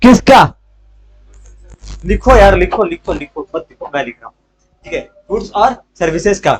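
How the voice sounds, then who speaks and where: A man's voice: high-pitched, lively intonation, normal speed, slightly rough, rough recording. A young man teaching a commerce class, full of energy, who keeps asking questions and answering them himself. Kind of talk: live class lecture.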